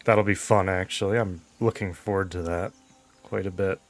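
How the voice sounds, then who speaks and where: A man's voice: deep voice, steady tone, moderate pace. A man giving casual game commentary, easygoing and thinking aloud as he plays. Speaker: game streamer.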